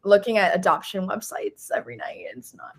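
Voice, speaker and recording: A woman's voice: mid-range voice, sing-song, fairly quick, fairly bright tone, slightly rough. A woman hosting a webinar, chatty and playful in casual talk. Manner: chatty and playful, laughs easily. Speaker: webinar host. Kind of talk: casual chat.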